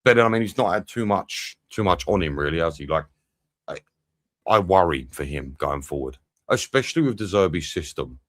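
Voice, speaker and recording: A man's voice: low voice, lively intonation, a little fast, fairly bright tone, no room sound, studio quality. A young man doing a live match watch-along, swearing freely and bantering with his chat between bits of play commentary.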